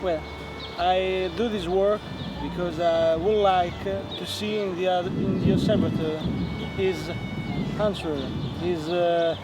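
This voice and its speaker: A man from Italy with an Italian accent, a sculptor answering interview questions in halting English. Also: high-pitched, fairly even intonation, very noisy. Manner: halting, searching for words. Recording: loud music behind the voice.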